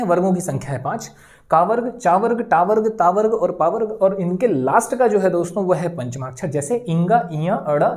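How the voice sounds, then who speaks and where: A woman's voice: mid-range voice, a little mellow. A woman teacher giving an exam-prep grammar lesson, explaining step by step and sounding out letters to demonstrate. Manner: explanatory, often adds "ठीक है" and "दोस्तों".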